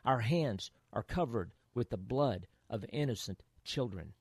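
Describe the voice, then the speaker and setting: A man's voice: medium pitch, expressive, a little slow, darkish tone, husky, dry recording, clean studio sound. A man hosting a radio program, delivering a scripted patriotic monologue in an earnest, oratorical way. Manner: earnest, oratorical, rhetorical questioning.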